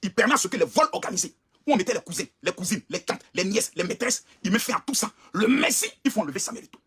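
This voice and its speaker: A man's voice: high-pitched, expressive, fast talker, slightly rough. A man giving an impassioned, indignant video rant as an online commentator, emphatic and pleading by turns.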